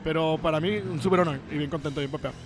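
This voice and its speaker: A man with a Puerto Rican accent, a guest in a casual chat, relaxed and slangy. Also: a little high, racing, soft background music.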